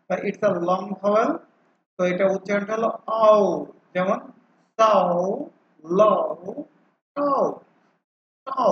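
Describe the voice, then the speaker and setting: A man with a high-sitting, gravelly voice teaches phonics, explaining each vowel and drilling the sounds over and over while mixing in English terms. The lo-fi recording sounds dull and echoey, with slight background noise.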